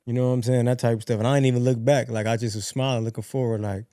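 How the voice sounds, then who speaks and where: A man's voice: mid-range voice, level tone, rapid-fire, clear, resonant tone, dry recording, clean studio sound. A man, telling a story about his kids on a casual podcast in a reflective way. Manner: warm reflective storytelling, acts out dialogue. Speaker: podcast co-host.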